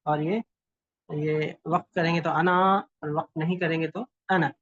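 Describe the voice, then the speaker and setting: A man teaching a class, explaining patiently and haltingly, with pauses and fillers. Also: a little high, little pitch movement, husky, no echo, muffled recording. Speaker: calligraphy teacher.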